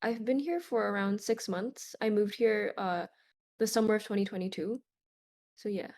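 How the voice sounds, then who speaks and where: A woman's voice: mid-range voice, moderate pace. Young Indonesian woman, chatty guest. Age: young adult. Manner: relaxed, chatty, many "like" fillers. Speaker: guest concert photographer. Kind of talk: casual interview answers.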